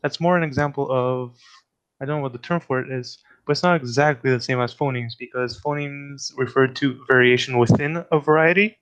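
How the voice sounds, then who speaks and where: A man's voice: medium pitch, brisk, a bit bright, clear, resonant tone. Man, casual linguistics explainer, self-correcting, thinks aloud. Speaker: linguistics presenter.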